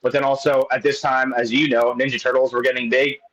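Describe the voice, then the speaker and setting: A man's voice: mid-range voice, level tone, a little fast, a bit bright, muffled recording. A man in his late thirties, a guest in casual chat, rambling along with many restarts and fillers. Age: 30s.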